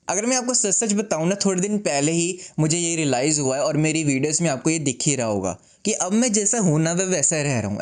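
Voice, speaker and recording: Composed man talking slowly, a bit high. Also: a little mellow. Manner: slow, composed, deliberate delivery with pauses; mixes English phrases into Hindi. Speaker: YouTuber. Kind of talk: casual advice vlog to camera. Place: seated indoors.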